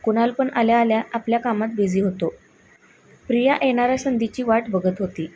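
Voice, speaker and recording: A woman's voice: fairly high pitch, a little fast, dark tone. A woman narrating a family drama story, reading steadily.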